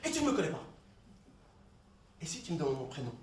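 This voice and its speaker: A man's voice: a little high, wildly swooping pitch, fast talker, a little hiss or hum. A man in a comedy sketch dialogue, talking in an insistent, explaining way and laughing easily. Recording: echoey room, distant mic.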